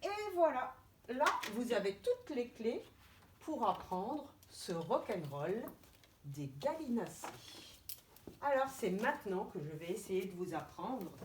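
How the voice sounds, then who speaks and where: A woman teaching young children to read over a camera mic, sounding out each letter slowly and patiently. Her pitch bounces around a lot as she coaxes them along. A faint hiss sits under the recording. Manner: slow, careful sounding out of letters; lively, coaxing teacher's voice. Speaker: preschool teacher. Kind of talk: children's reading lesson by video.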